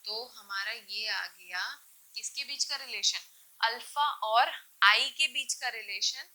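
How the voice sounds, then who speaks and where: A woman's slightly high voice, pushed and bright, delivers a slow chemistry lesson that mixes Hindi and English. She lays things out step by step, poses and answers her own questions, and often seeks short confirmations. The recording is rough.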